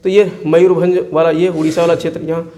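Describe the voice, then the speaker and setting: A man's voice: a little high, little pitch movement, brisk, warm tone, slight background noise. A male tutor from walks students through exam map work. He keeps asking questions and answering them himself, repeating every place name so it sticks. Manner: repeats key place names for drilling. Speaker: teacher.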